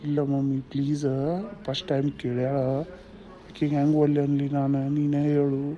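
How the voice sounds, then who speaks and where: A man's voice: medium pitch, completely flat delivery, brisk, mellow, muffled recording, natural voice. A man playing a hesitant, newly married young son in a comedy skit, with a North Karnataka Kannada accent, pleading with his mother.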